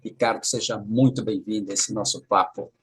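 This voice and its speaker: A man's voice: on the low side, steady tone, brisk, a bit bright, slightly rough. A man hosting an interview for a magazine, asking welcoming, upbeat questions.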